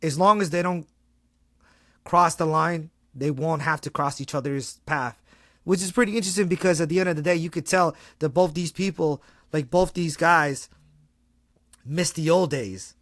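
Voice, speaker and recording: A man co-hosting a casual fan podcast, talking fast and excited in slang, often restarting his sentences. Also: a little high, no room sound, clean studio sound. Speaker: podcast co-host.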